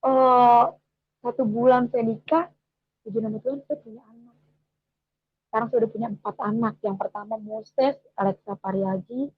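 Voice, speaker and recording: A middle-aged woman giving an emotional personal testimony in animated, slangy talk. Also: on the high side, normal speed, slightly rough, dry recording. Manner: animated, colloquial Jakarta slang. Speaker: testimony speaker. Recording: dry, muffled close recording.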